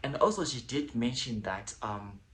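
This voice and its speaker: A man hosting a casual commentary vlog, chatty and digressive, with frequent hushed, whispered asides. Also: medium pitch, lively intonation, moderate pace, noisy background. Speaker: vlogger.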